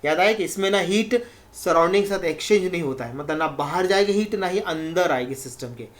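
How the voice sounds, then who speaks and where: A male chemistry teacher giving a recorded lecture who reads definitions out slowly, word by word, repeats each point and keeps checking whether his students follow, in a reassuring tone. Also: a little high. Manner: reassuring, encouraging tone. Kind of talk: recorded exam-prep lecture.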